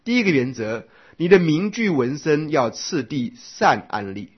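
Husky-voiced man giving a Buddhist lecture. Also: on the high side, big pitch swings, a little slow. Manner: explanatory, asks rhetorical questions often. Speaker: Buddhist teacher. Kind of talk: dharma lecture. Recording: dull lo-fi lecture recording.

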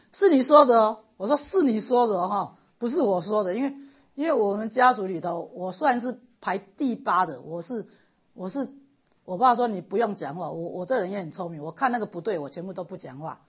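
A middle-aged woman giving a lively, animated storytelling lecture as a Buddhist lay teacher. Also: medium pitch, a little fast, slightly rough, dull audio.

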